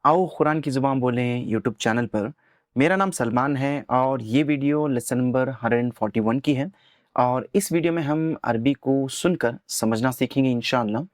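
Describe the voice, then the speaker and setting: A man hosting an Arabic lesson in Urdu, patiently explaining pronunciation and sounding out letters slowly one by one, with an Urdu accent. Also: medium pitch, no echo, studio quality. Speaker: Arabic teacher and channel host.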